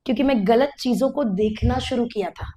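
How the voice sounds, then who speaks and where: Woman preacher, high voice, candid confessional testimony, talks straight to the congregation. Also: a little fast, mellow, low-quality recording. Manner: candid, confessional, addresses the audience directly. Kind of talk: testimony sermon.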